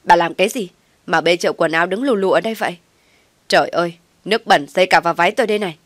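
A woman voicing a brash, mocking young wife who shouts at her mother-in-law. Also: medium pitch, lively intonation, moderate pace, dry recording, lightly acted. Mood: shouting scornfully. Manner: shouting, scornful.

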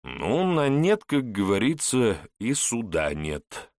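A man voicing a coarse, mocking male police investigator who talks in gruff slang, in an audiobook. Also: mid-range voice, sing-song, slow, a little mellow, no echo, clean studio sound, voice pushed up. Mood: scornful.

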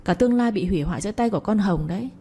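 A woman's voice: mid-range voice, animated, rapid-fire, warm tone, breathy edge. A woman voicing a stern middle-aged village father who speaks bluntly and makes demands. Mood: demanding.

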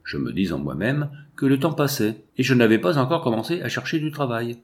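A man reading a novel aloud as an audiobook, in steady, measured narration. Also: medium pitch. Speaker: audiobook reader. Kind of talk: literary narration.

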